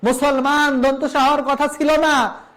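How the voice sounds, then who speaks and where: A man's voice: very high voice, flat delivery, measured pace, fairly bright tone. A man from Bangladesh, a college lecturer giving a recorded lesson, emphatic as he drills word lists and repeats his instructions.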